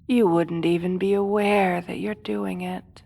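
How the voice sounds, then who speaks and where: A woman playing a seductive, manipulative supervillain in a hypnosis audio role-play, speaking softly with slow theatrical menace, often slipping into a whisper. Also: lowish voice, steady tone, gravelly. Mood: seductive, hypnotic menace. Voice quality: soft, often dropping to a whisper.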